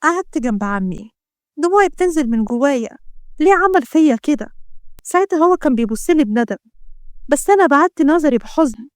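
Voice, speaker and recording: Fast-talking Egyptian woman storyteller. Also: high voice, no echo, clean studio sound. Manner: emotional, lively. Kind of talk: dramatic first-person story narration.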